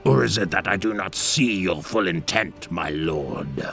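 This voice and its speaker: A man voicing a sly, ambitious male war captain with a husky, gurgling voice for an audiobook. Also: deep voice, expressive, a little slow, fairly bright tone, faint music behind, exaggerated voice. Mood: insinuating. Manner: sly, insinuating. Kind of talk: audiobook character voice.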